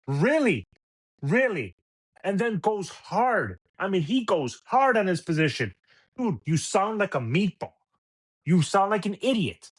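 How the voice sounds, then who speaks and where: A middle-aged man hosting a podcast, ranting about sports radio with exasperated rhetorical questions. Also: high voice. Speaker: podcast host. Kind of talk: opinionated sports rant.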